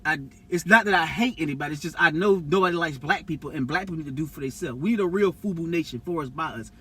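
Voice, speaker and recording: A young American man talks fast and heatedly, his voice high and bright with a husky edge. He is loud and profane and keeps jumping up in pitch. The sound is dry and a little distant from the mic. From United States. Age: young adult. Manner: loud, animated and profane, with sudden high outbursts. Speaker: podcast co-host. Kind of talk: heated casual podcast talk.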